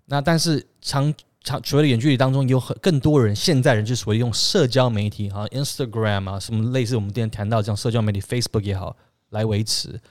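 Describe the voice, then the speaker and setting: Casting: man, Taiwanese accent, casual discussion host, rapid rambling delivery, dry studio-close sound. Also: mid-range voice, dry recording. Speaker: talk show host. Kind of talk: casual discussion, explaining to co-hosts.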